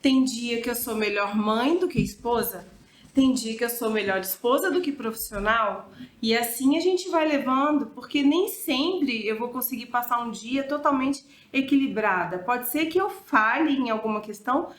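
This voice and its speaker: A woman's voice: on the high side, animated, normal speed. A woman, a mother and wife, speaking thoughtfully as a guest in a casual chat, searching for words. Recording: echoey room.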